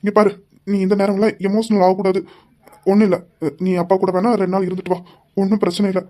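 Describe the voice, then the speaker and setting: In this audio drama, a man plays a devoted young husband who talks quickly in a mellow, mid-pitched voice. He is gently reproachful and explains things at length. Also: level tone, lightly acted. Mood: tender. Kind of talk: hobby audio drama acting.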